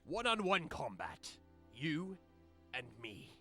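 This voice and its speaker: A man's voice: fairly high pitch, huge pitch swings, takes it slowly, bright, forceful tone, husky, soft background music, voice pushed up, heavily acted. A man voicing a proud, brazen pirate captain in a tabletop game, boastful and formal as he bargains and challenges. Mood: challenging.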